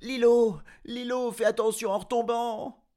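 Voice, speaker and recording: A man doing a shrill fiery princess. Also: lively intonation, a little fast, darkish tone, lightly acted. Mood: frantic. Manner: high, shrill, pleading. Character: fiery young princess inventor.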